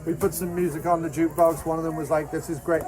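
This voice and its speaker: A man's voice: fairly high pitch, level tone, fast talker. A man in casual, chatty conversation at a diner, agreeable and given to telling anecdotes. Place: inside a busy diner. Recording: busy diner chatter behind the voice. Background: crowd chatter.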